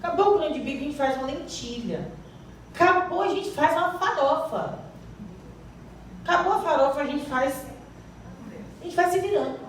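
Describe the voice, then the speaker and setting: High-voiced Brazilian woman preaching in echoey hall. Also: normal speed, pauses often. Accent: Brazilian Portuguese. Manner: asks the congregation questions and prompts answers. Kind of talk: church sermon with scripture reading. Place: church hall. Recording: very echoey hall, mic far off, faint hiss.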